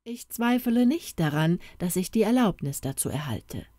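A woman's voice: fairly low pitch, big pitch swings, normal speed, mellow, no room sound, clean studio sound. Woman reading as a kindly fatherly uncle. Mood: gentle. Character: kindly wealthy middle-aged uncle, gentle.

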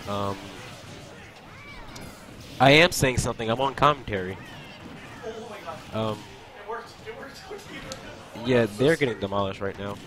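Speaking slowly in a lowish voice and pausing often, this young man commentates a video game tournament stream over loud game music and a noisy background. He's casual, laughing frequently and replying to chat between plays.

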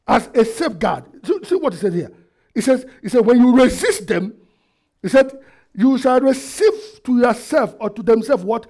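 A middle-aged man, preaching a sermon into a headset mic in a church hall, asking the congregation questions and swinging between loud and quiet. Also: very high voice. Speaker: pastor. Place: church hall with projector screen, indoors.

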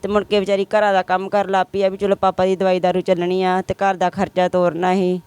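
A woman, the mother of the bride, answers a reporter's questions in an even, flat tone. Her voice is clear and smooth as she names the absent relatives one after another. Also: medium pitch, fairly quick. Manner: lists missing relatives one by one. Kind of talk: emotional interview answers.

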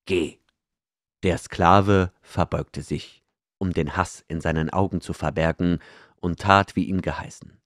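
A man narrating a fantasy audiobook in a measured, dramatic way. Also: low voice, steady tone, no room sound, studio quality. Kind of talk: scripted narration.

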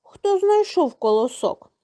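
Жінка грає працьовитого півника з казки. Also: female voice, very high-pitched, very animated, slow pace, mellow, pitched above the performer's own voice, full character voice. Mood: firm, patient. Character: hardworking, patient little rooster. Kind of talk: storybook reading.

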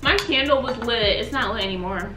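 A young American YouTuber in her twenties eats on camera while chatting casually in a mukbang, saying "like" a lot and taking bites between sentences, seated on her living room floor by the sofa. A tripod camera records from a distance; her voice is a little high and a little fast, reverberant, over music.

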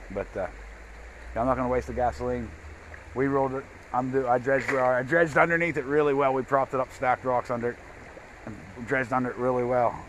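A man's voice: medium pitch, slight background noise, low-quality recording. A man, chatting loosely in an outdoor vlog by a river, speaking into an action camera. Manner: rambling, folksy, repeats himself. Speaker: gold prospecting vlogger. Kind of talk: casual outdoor vlog narration.

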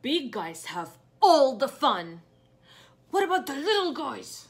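Storybook elephant acted by a woman: big, blustering, determined, loud and emphatic, slow swinging delivery. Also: sits high, big pitch swings, pitched above the performer's own voice, exaggerated voice. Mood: indignant. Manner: emphatic, drawn-out declarations.

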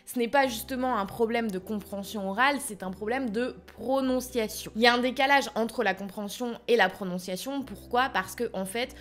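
French woman teacher, fairly high voice, energetic explainer addressing the camera. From France. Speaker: language school founder and teacher. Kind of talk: teaching video, direct to camera.

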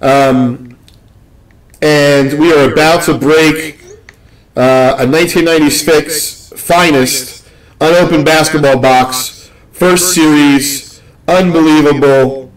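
A young man from the Northeast US hosting a live card-opening stream, rambling and joking with excitement. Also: fairly high pitch, slow, low-quality recording. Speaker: card break host.

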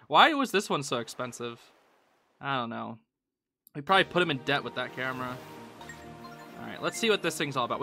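Excitable young man narrating a game. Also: fairly high pitch. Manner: excitable, slangy, bursts into yelling. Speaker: gaming channel host. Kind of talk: let's play commentary. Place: home room at night. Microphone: close desk mic.

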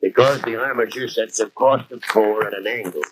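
An American actor playing a seasoned, avuncular mechanic giving folksy practical tips in a scripted 1940s training film. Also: male voice, fairly low pitch, normal speed, lightly acted. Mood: advising. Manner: folksy, advising. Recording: noisy 1940s film soundtrack.

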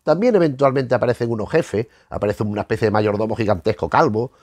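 In a compact bookshelf-lined room, a middle-aged retro comics host in his 50s speaks to camera with a Spain Spanish accent, loose and conversational, frequently doubling back to reword himself. His voice is fairly low with a darkish tone and a quick pace, recorded dry with clean studio sound.

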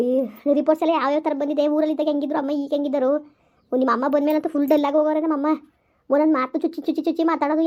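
A woman playing a young wife who complains rapidly and indignantly to her husband about his mother, in a village comedy skit. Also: high-pitched, darkish tone, natural voice. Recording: slightly dull lo-fi recording.

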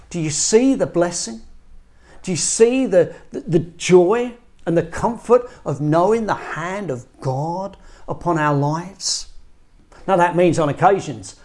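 A man's voice: high voice, a little mellow. A middle-aged man from England preaching an earnest, emphatic sermon, recorded indoors in a small church room on a lapel mic. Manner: earnest, emphatic, gestures with both hands. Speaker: pastor.

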